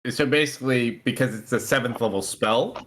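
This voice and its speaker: A man narrating and refereeing as game master of a tabletop game, describing the scene in a relaxed way. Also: medium pitch, brisk, a little hiss or hum.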